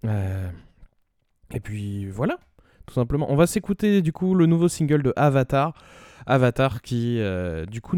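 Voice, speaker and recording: A man's voice: medium pitch, warm tone, no room sound, clean studio sound. A man presenting a metal music radio show in a casual, rambling way, full of hesitation fillers between the tracks he introduces.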